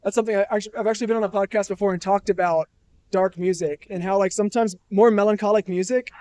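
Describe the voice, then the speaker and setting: A young musician from New Hampshire, interviewed casually at a festival, talks thoughtfully but ramblingly, with many restarts. His voice is high yet darkish in tone, fairly even in intonation, fast, and recorded dry.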